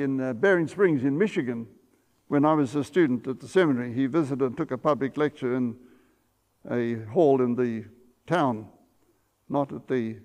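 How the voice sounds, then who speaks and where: An old man in his eighties sits at a table in a church sanctuary and lectures as a pastor, recalling events in a steady, measured way. His voice sits a little high for a man. The room adds a long, lingering reverb. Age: 80s. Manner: measured storytelling, some self-corrections. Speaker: pastor giving a history lecture.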